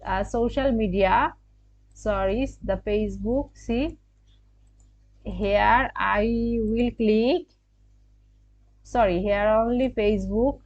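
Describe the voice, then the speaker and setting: A woman from Bangladesh with a Bangladeshi English accent, hosting a screen-recorded software tutorial, hesitant and thinking aloud with many fillers. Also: mid-range voice, slow pace, long pauses, dry recording, muffled recording. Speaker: tutorial channel host. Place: indoors at a computer.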